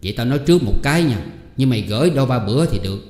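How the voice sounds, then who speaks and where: A man voicing a gruff, stingy middle-aged man who scolds and makes demands. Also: medium pitch, expressive, very fast, darkish tone, close to an everyday voice. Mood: scolding. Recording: echoey room with long reverb.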